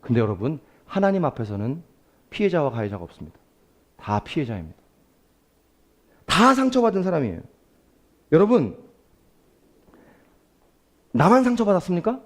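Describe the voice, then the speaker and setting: A male pastor delivers a sermon with a high voice. His pitch swings widely as he asks the congregation questions and acts out the prayers he quotes. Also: big pitch swings, normal speed, pauses often.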